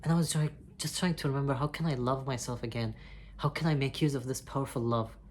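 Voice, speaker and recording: Vlogger, candid confessional monologue, rambling, heartfelt, swears freely, mid-range pitch, faint background hiss. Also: fairly even intonation, quick pace.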